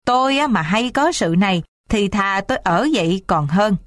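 A woman voicing a bad-tempered middle-aged father who shouts and scolds his family. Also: high-pitched, lively intonation, moderate pace, no echo, clean studio sound. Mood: grumbling.

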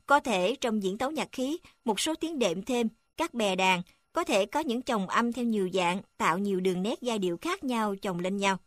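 A woman reading a music textbook aloud in an even, formal manner, announcing each section number. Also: mid-range voice, moderate pace, few pauses, dry recording. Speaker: narrator reading a text on music.

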